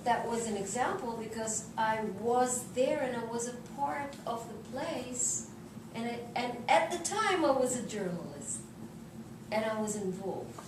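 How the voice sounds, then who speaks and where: Sitting in an armchair in her living room, a middle-aged journalist with an Israeli accent tells personal stories during a casual interview, her non-native English halting as she hunts for words. Her voice is animated and on the high side, picked up from afar by a camera mic, so the sound is roomy and noisy.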